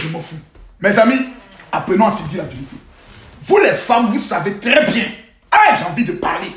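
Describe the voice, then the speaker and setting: Man, high-pitched, preachy live-stream scold, phone mic in an echoey room. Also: slight background noise. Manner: preachy, scolding rants with loud outbursts and sudden quiet asides. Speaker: livestream host. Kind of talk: live social-media monologue. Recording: roomy echo.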